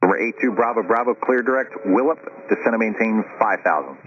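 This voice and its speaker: A man's voice: on the low side, brisk. Guy on aviation radio, clipped callouts, muffled lo-fi sound, faint hiss behind. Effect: aviation radio transmission. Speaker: pilot or air traffic controller. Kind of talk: radio phraseology.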